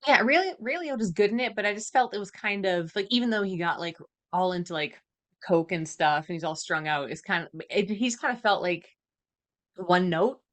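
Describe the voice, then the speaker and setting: A woman's voice: mid-range voice, lively intonation, normal speed, a bit bright. A woman hosting a podcast, chatting casually in a rambling way full of fillers. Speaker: podcast host. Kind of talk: casual chat.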